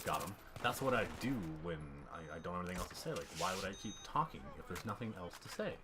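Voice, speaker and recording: A young man gives rambling, self-deprecating voice-over commentary on his gameplay while fighting off a cough. He talks fast in a low voice with lively intonation. Game gunfire and ambience are clearly heard behind him in a noisy background.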